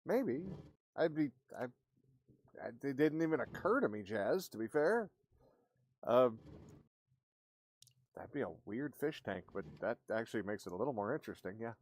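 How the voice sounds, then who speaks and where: This man's medium-pitched voice is expressive, and he speaks at normal speed but pauses often. He's livestreaming a game and chatting casually and aimlessly with viewers, using a streaming mic with the gain maxed that captures clear background noise.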